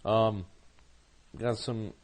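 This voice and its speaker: A man's voice: lowish voice, fairly even intonation, drawn-out words. A man co-hosting a casual podcast about comic books, joking, swearing freely and laughing often. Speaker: podcast co-host.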